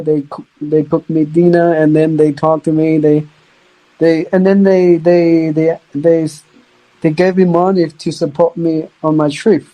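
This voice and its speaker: A young man, speaking as a guest on a podcast. His voice sits a little high with a soft, mellow tone. He talks casually but haltingly, restarting sentences and repeating words as he goes. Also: low-quality recording. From China. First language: Chinese. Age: young adult. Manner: halting, repeats words, non-native grammar. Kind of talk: casual storytelling.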